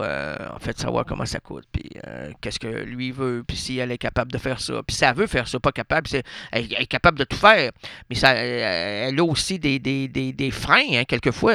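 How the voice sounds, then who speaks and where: A man's voice: medium pitch, creaky, fairly bright tone, clean tone, no echo, studio quality. A man with a Québécois French accent, a radio host telling a rambling comic monologue full of absurd asides and self-interruptions. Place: radio studio.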